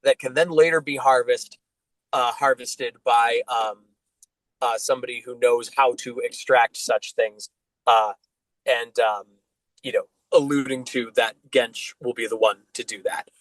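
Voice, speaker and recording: A man's voice: mid-range voice, measured pace, dry recording, low-quality recording. Man as game master, easygoing, lots of "um", close dry mic. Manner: relaxed, with many fillers. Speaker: dungeon master. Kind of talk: narrating a tabletop game.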